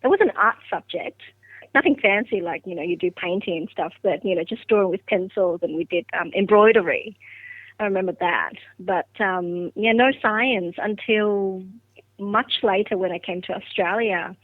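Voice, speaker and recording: A middle-aged Vietnamese woman, a native Vietnamese speaker, appears as a guest scientist in a podcast interview and reflects on how she came to science, with plenty of fillers and restarts. Her voice is medium-pitched and moderately paced, heard over a dry, phone-like line with no echo.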